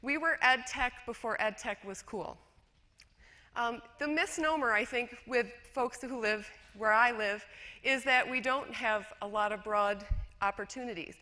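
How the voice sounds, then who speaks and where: A woman's voice, a little high and a little slow, comes across pushed and bright. She's an educator from rural western New York, USA, giving a chatty conference talk with slides where she downplays herself and keeps using fillers and restarts. Long hall reverb fills the lecture hall recording.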